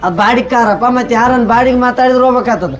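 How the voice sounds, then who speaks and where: A man's voice: very high-pitched, very fast, faint music behind. A man acting an elder brother defending himself in an argument. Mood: defensive. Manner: argumentative, explaining.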